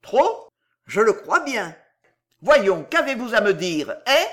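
A reader voicing a gruff, blunt young manservant who scolds and threatens loudly in an audiobook. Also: medium pitch, sing-song, slow. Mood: scolding. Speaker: character in an audiobook. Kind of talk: audiobook character reading.

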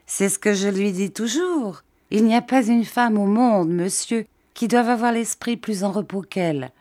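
A woman's voice: medium pitch, measured pace, a little mellow, pitched above the performer's own voice, close to an everyday voice. A woman voicing a cheerful, cordial old fisherman who talks with open enthusiasm. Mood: hearty.

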